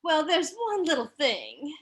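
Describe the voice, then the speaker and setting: A flirtatious Southern belle with a high voice, read by a woman in a sitcom read-through. She sounds distant from the mic. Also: wildly swooping pitch, a little slow, a bit bright, heavily acted. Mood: flirty. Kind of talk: amateur sitcom table read.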